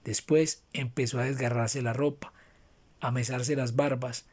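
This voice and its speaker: A male audiobook narrator reading a classic tale in a steady, measured way. His voice sits at an ordinary middle pitch for a man.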